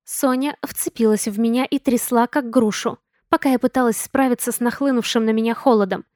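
Female audiobook reader, fairly high voice. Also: fairly even intonation, brisk, a little mellow, no echo, studio quality. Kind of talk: first-person audiobook narration.

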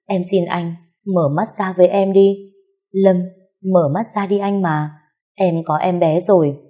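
A woman's voice: lowish voice, mellow. A woman voicing a heartbroken young pregnant wife who pleads tearfully in a storybook reading.

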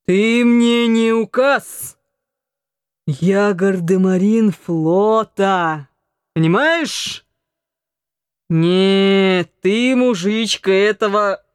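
Reading an audiobook, a woman voices a drunk, rowdy young male naval cadet who shouts hoarsely and chants in a slurred sing-song. Her voice sits at medium pitch, and the recording is dry and studio quality.

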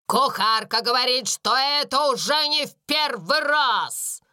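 Woman voicing a furious schoolmistress, storybook, loud slow scolding, harsh, animated pitch. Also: clear, resonant tone, no echo, studio quality, exaggerated voice.

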